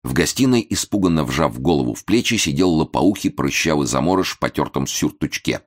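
A man narrating an audiobook with a lively, expressive reading. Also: a bass voice, fairly quick. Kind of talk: scripted narration.

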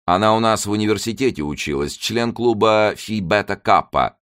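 Breezy, wealthy woman in a storybook reading, a male narrator putting her on; lively and confident, dry sound. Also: fairly low pitch, moderate pace, no echo, pitched above the performer's own voice. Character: wealthy, self-assured woman friend.

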